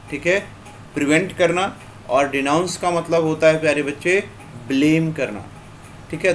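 A man teaching English vocabulary in an online class, explaining slowly and repeating "theek hai" after nearly every phrase. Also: fairly high pitch. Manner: slow, repetitive explaining, mixing Hindi and English. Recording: faint background noise.

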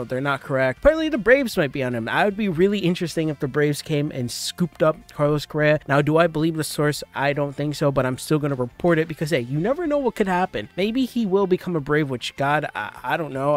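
A young man giving casual, rambling sports news commentary as a vlogger. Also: fairly high pitch. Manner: rambling, excitable, informal.

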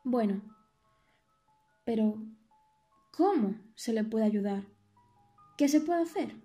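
A woman's voice: on the high side, expressive, takes it slowly, warm tone, soft background music. A woman voicing a pair of mocking, gossipy sea waves in an audiobook, squealing and melodramatic. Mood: excited. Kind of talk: audiobook character voice.

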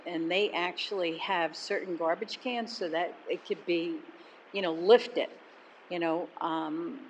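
An older woman speaks into a desk microphone at a council meeting, asking questions in a halting way full of fillers. Her voice sits somewhat low, with faint room ambience behind. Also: a little hiss or hum, low-quality recording. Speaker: council member.

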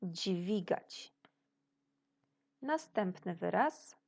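Polish woman teacher, slow and gravelly, patient lesson for small children. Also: fairly low pitch, animated, darkish tone. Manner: praises pupils' imagined answers. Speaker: primary school teacher. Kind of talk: recorded video lesson for children.

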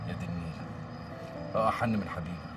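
An actor playing an Egyptian man who is brisk and commanding with his friends and tender with his partner. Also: low-pitched, natural voice. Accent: Egyptian Arabic. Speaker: gang leader. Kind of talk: TV drama acting. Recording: distant mic, heavy background noise.

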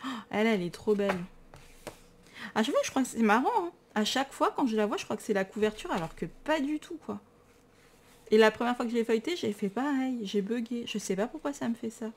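A woman's voice: a little high, expressive, fast talker, slight background noise. Chatty tired French woman vlogging. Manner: chatty and enthusiastic, self-mocking. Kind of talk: casual chat, showing books.

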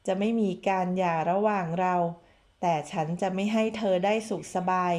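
A woman's voice: mid-range voice, steady tone, normal speed, a little mellow, close to an everyday voice. A woman voicing a cold, contemptuous husband. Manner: contemptuous, menacing. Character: cold vengeful domineering husband, grown man. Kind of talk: audiobook novel reading.

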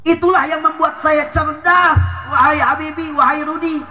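A man voicing a proud top male student who calmly explains his habits in a lecturing way. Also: very high voice, normal speed, music in the background, pitched above the performer's own voice. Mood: explaining.

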